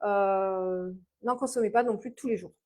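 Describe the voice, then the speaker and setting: A woman's voice: medium pitch, measured pace, mellow. A woman with a Mediterranean French accent giving casual health and diet advice as a naturopath, talking freely with many fillers and restarts and checking in with "ok?". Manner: chatty, many fillers and restarts, stresses points with "ok?". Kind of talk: informal health advice video.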